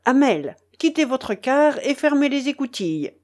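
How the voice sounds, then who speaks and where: A woman reading the part of a brisk male ship's officer calling out orders. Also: high-pitched, big pitch swings, a little mellow, voice pushed up. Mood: urgent.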